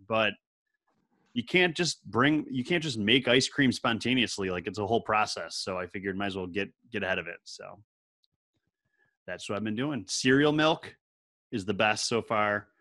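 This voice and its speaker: A man's voice: on the low side, normal speed. A man co-hosting a podcast, telling rambling stories in casual chat. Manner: rambling, animated storytelling. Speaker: podcast co-host.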